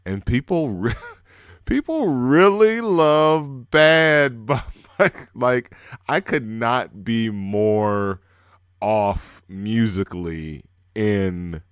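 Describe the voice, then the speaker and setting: A man's voice: low voice, clear, resonant tone, no room sound, studio quality. A man hosting a casual music livestream, rambling with many fillers and chuckling as he talks. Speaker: host.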